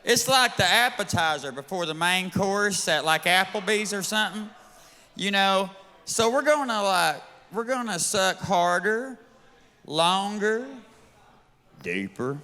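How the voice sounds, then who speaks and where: A man's voice: sits high, normal speed, sharp tone, big-room sound. A man with a Southern US accent doing a brash, bawdy, drawling live stand-up set on a bar stage. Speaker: stand-up comedian.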